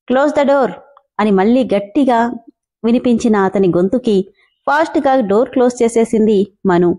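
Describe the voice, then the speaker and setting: Mellow higher-voiced woman narrating a story.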